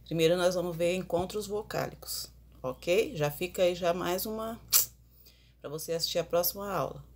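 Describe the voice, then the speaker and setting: Woman teacher, husky voice, slow and explanatory, lowish pitch, asks the class questions. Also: a little mellow. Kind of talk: online grammar lesson.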